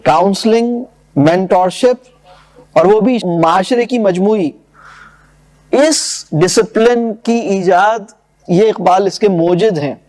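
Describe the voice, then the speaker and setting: Male lecturer, high-pitched voice, slow solemn verse recitation, quick chatty explanations, checks if listeners follow. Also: a little mellow. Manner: recites couplets slowly and solemnly, then explains them in quick conversational asides; asks listeners whether the point is clear. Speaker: lecturer on poetry.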